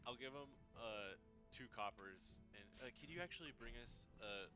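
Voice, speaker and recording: Guy playing a tabletop game, casual talk, normal pitch, music going behind him. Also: animated, moderate pace.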